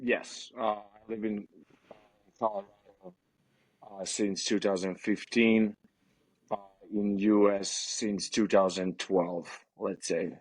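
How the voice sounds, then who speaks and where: A man's voice: lowish voice, lively intonation, slow pace, pauses often, dry recording, low-quality recording. A man from Serbia, talking as a guest in a casual interview, hesitant with many fillers and restarts.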